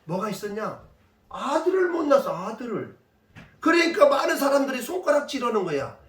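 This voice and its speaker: A man's voice: extremely high pitch, sing-song, fairly quick. A male pastor preaching a sermon and telling stories, pressing points home with rhetorical questions to the congregation. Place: church sanctuary. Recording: echoey church from a distance.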